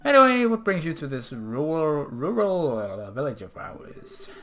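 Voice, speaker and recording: A man voicing a polite, gentle old village elder from a video game. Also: on the high side, very animated, unhurried, a little hiss or hum. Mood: kindly.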